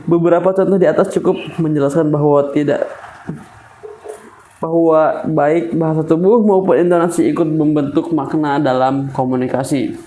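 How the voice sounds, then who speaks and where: A man's voice: on the high side, fairly even intonation, moderate pace, dark tone. A young man practicing public speaking, reading a lesson from a book and breaking off now and then into casual slangy asides.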